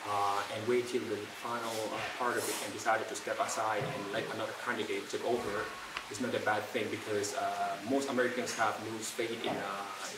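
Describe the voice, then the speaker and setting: A young man from Gambia, an entrepreneur answering interview questions in a fast, casual flow full of "uh" fillers and restarts. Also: on the low side. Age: young adult. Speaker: guest, entrepreneur. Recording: roomy, distant, loud ambient noise.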